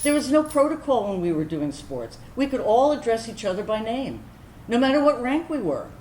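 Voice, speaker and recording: An actress plays a candid woman veteran in a staged reading, delivering a dramatic first-person monologue with a fairly high voice. She sounds fond and open, telling her story in a confessional, conversational, wry way with deliberate pauses. The animated performance is captured on a roomy, echoing stage with background noise.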